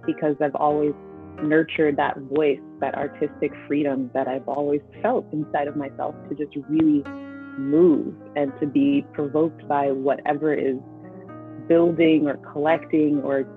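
A woman's voice: deep voice, level tone, a little slow. A woman in her thirties from the Bay Area, a dance teacher speaking reflectively in an interview. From California Bay Area. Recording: dull lo-fi sound with music underneath.

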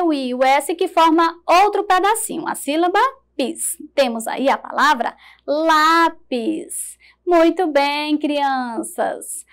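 A woman teacher from Brazil giving an early-grade lesson, sounding out words slowly syllable by syllable in an encouraging way. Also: high-pitched, fairly bright tone.

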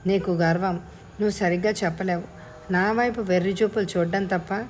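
A woman's voice: mid-range voice, fairly even intonation, brisk, a little hiss or hum, lightly acted. A woman voicing a proud, clever schoolgirl who talks in a teasing, scornful way in a storybook reading.

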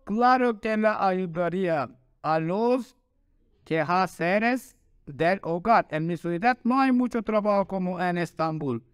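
A man with a Turkish accent works through viewer questions in careful, halting Spanish and repeats the words that trip him up. His voice sits high for a man and comes across crisp and clear. The recording is dry and close. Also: dry recording. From Turkey. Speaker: vlogger. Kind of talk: Q&A vlog, reading fan questions.

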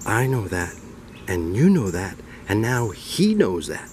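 A man's voice: mid-range voice, big pitch swings, brisk, darkish tone, a little hiss or hum. A man voicing a sleepy, grumbling young husband in a told story. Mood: groggy.

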